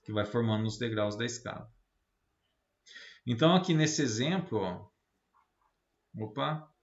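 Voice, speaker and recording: A Brazilian man teaches an informal technical lecture in an animated, mid-range voice at a measured pace. He explains didactically and keeps tacking on short tag questions to check understanding and seek agreement. The recording is roomy, lo-fi, and slightly muffled.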